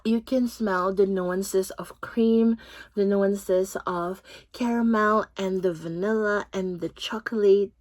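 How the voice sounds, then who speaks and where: Filipino woman vlogger, warm gushing chatter, leisurely pace, dry recording. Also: mid-range voice, fairly even intonation, slow, dry recording. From Philippines. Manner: chatty, gushing, frequent "like" fillers. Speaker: beauty vlogger. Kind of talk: casual fragrance review.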